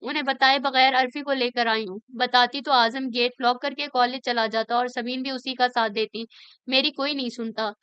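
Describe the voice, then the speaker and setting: A woman's voice: sits high, steady tone, moderate pace, sharp tone, smooth, no echo. A woman voicing a grieving young woman in an audiobook reading, speaking earnestly and emotionally. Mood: weary. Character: grieving young woman, hurt but forgiving. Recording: slightly dull lo-fi recording.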